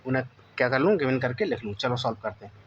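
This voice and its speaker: In this board-exam coaching session, a male tutor with a mid-range, expressive voice reads from a class ten physics textbook in Indian English, taking it slow and deliberate. He keeps saying "okay" and "theek hai," addresses students as "beta," and checks their understanding with questions, all in a muffled recording with slight background noise.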